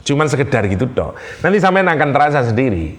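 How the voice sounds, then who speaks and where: A man's voice: mid-range voice, quick pace. A middle-aged man with an East Javanese accent, giving a conversational Quran commentary lecture and acting out the dialogues he tells. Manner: conversational, acts out dialogues with lively voices. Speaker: Islamic preacher and lecturer.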